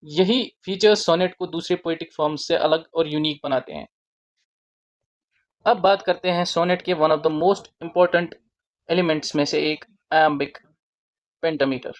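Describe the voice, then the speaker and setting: A teacher explaining a literature topic in a deliberate lesson, spelling out key terms word by word. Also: medium pitch, fairly even intonation.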